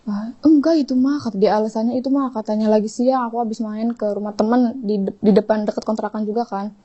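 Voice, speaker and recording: A young woman telling her own story in an interview, rushing through it and acting out the quoted dialogue. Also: mid-range voice, dull audio. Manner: fast, animated retelling, acting out quoted dialogue. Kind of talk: emotional personal account.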